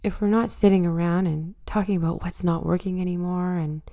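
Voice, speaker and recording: A woman hosting a casual spoken monologue, hoarse and raspy from a cold, talking thoughtfully with many fillers. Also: fairly low pitch, steady tone, brisk, mellow. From Canada. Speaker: podcast host.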